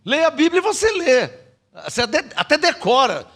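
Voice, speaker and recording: Brazilian preacher guy, high voice, sermon, gets ppl to repeat after him. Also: normal speed. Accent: Brazilian Portuguese. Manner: teaching, asks the congregation to repeat phrases; lively, frequent rhetorical questions and laughs.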